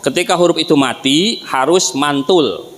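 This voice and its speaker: A man teaches Quran recitation in a mosque, chanting syllable drills slowly and explaining in quick asides. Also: a little high, a bit bright. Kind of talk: tajwid lesson with chanted drills. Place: mosque hall. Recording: reverberant mosque hall.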